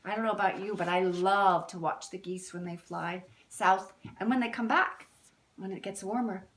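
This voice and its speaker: This story-time reader has a medium-pitched, fairly bright voice and keeps a steady tone at a moderate pace. As she reads a picture book aloud to young kids, she talks to them directly with easy explanations and questions.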